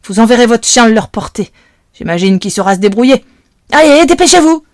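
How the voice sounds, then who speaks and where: A woman's voice: fairly high pitch, animated, a little fast, no room sound, studio quality, close to an everyday voice. A woman doing a menacing male kidnapper. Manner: menacing, domineering. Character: gruff threatening adult male kidnapper.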